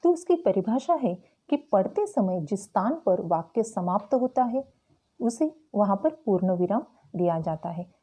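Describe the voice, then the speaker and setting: A woman teacher explaining a Hindi grammar lesson slowly and carefully to school students. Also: mid-range voice, very animated, dark tone, husky. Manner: slow, careful explaining with frequent "tो चलो".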